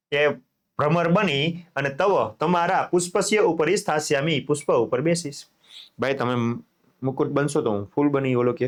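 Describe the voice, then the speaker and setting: A man teaching a Sanskrit lesson, reading each line and then explaining it, with questions to his class. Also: a little high. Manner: reads Sanskrit lines then explains them in Gujarati, asking the class questions.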